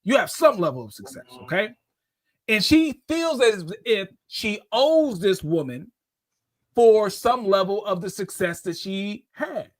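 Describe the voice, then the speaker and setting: A man's voice: high-pitched, big pitch swings, a little slow, no echo, clean studio sound. A man hosting a live call-in show, talking callers on and explaining at length in a conversational way. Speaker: host.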